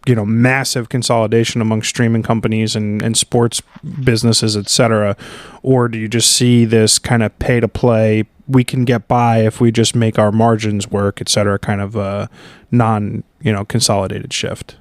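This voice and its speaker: A man's voice: lowish voice, little pitch movement, normal speed, no echo, clean studio sound. A man hosting a podcast in casual conversation, asking long rambling questions with fillers and restarts. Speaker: podcast host.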